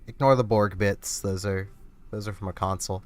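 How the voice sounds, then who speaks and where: On the low side and fairly even in intonation, this man speaks briskly in an echo-free recording. Sounding congested as he gets sick, he chats through his game stream, rambling, teasing himself and breaking into frequent laughter.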